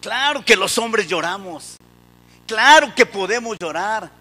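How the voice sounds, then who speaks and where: A man's voice: high-pitched, expressive, measured pace, pushed and bright, breathy edge, big-room sound. A man preaching a sermon with passion and urging the congregation to repeat phrases after him. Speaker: pastor.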